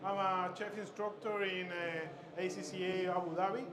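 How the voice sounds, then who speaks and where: Chef instructor from Chile, male, raised pitch, stop-start cooking demo patter over loud expo noise. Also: little pitch movement. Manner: halting, many fillers and repeated words. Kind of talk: live cooking demonstration. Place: expo stage. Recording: noisy expo hall ambience.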